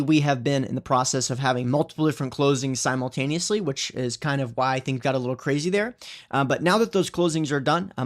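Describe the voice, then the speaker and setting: A man hosting a podcast, introducing the episode and guest earnestly, often saying "you know". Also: medium pitch. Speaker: podcast host.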